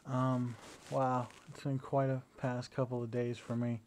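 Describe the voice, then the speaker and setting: A man's voice: mid-range voice, unhurried, a little hiss or hum. A young man lying down and talking into a battery-powered camera for a casual video diary, hesitant and full of fillers and restarts. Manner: relaxed, lying down while talking. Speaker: video diarist. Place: indoors, at home lying down. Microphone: battery-powered camera device.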